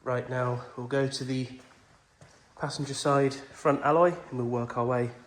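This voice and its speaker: Outside by a pick-up, a car salesman nursing a cold walks around it and explains its condition in a straightforward, systematic, reassuring way. He has a medium pitch, fairly even intonation and a measured pace, and the sound is echoey with slight noise.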